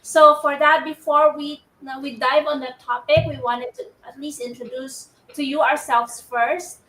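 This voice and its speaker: A woman's voice: high voice, steady tone, unhurried, fairly bright tone, far from the mic. A middle-aged woman from the Philippines co-hosting a live stream in a casual, upbeat way, often rambling and restarting her sentences. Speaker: live show co-host. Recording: roomy audio from away from the mic.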